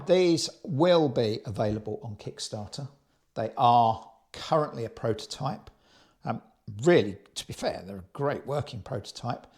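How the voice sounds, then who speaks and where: A vlog host with a mid-range, darkish, breathy-edged voice gives a casual, explanatory product review, speaking informally and directly to viewers.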